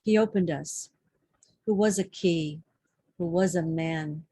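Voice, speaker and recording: Slow, mellow woman reading poems. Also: on the low side, husky, no echo. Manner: measured, deliberate recitation. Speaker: poetry reader. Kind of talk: poetry reading. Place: public library.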